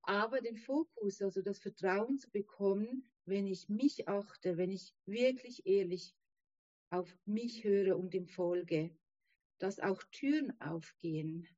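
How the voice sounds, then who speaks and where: Female interview guest, non-native German speaker, soft-edged tone, halting and thoughtful, slightly muffled sound. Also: medium pitch. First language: not German. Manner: halting, searching for words. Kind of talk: reflective personal conversation. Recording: dull, roomy sound.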